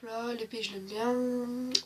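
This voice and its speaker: A woman's voice: fairly high pitch, fairly even intonation, slow pace, a little mellow. Chatty woman doing gameplay commentary. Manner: chatty and joking, with many hesitations. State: slightly sore throat. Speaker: gaming channel host.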